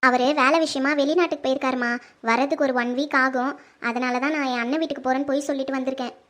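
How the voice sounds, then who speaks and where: A performer doing a soft, sad visiting mother. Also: high-pitched, fairly even intonation, fast talker, pitched below the performer's own voice. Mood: reassuring. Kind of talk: home-made Tamil family drama.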